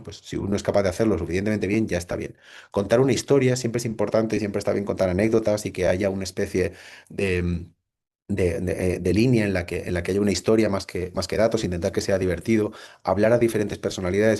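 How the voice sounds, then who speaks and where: A middle-aged Spanish man with a Spanish accent speaks in a fairly low, dark voice. He gives a reflective lecture recorded into a computer mic, full of rhetorical questions and restarts.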